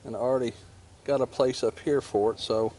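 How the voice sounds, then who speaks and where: Here a motorcycle vlogger explains a gear install one step at a time, hands busy as he speaks in a relaxed, straightforward way. His mid-range voice is steady and dark-toned, going fairly quickly, with clear ambient and vehicle noise behind it.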